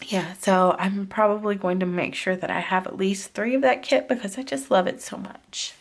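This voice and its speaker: A woman's voice: medium pitch, steady tone, moderate pace. A woman vlogger chatting casually while decorating her planner, rambling and confiding as she drifts off-topic.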